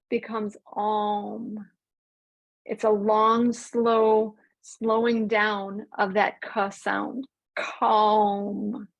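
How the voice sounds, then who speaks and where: A woman teaching an online mindfulness class, speaking calmly and drawing out key words slowly. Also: a little high, poor audio. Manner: calm, slows and stretches key words. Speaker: mindfulness coach.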